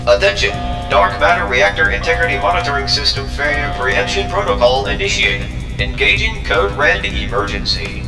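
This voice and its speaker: A male synthetic voice playing a facility computer, reading clipped system alerts over a loudspeaker. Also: on the low side, fairly even intonation, normal speed, pauses often. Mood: flat. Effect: facility loudspeaker announcement. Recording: echoey distant loudspeaker over loud music.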